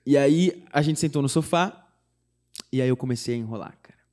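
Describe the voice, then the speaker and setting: A man's voice: mid-range voice, a little fast. Brazilian man telling a story animatedly. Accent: Brazilian Portuguese. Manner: animated, acts out quoted dialogue; frequent fillers like "tipo" and "não sei o quê". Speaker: singer-songwriter guest. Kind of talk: casual storytelling interview.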